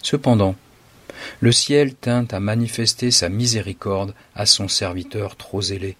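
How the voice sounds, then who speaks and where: A man reading a story aloud in a dramatic, measured narration. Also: on the low side, a bit bright.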